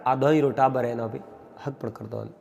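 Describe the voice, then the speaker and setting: A man with a Marwari accent telling a traditional folk tale in a rhythmic, repetitive way, pausing often. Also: medium pitch, steady tone, gravelly, darkish tone, long reverb tail. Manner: repetitive, rhythmic telling with frequent pauses and fillers. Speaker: folk storyteller.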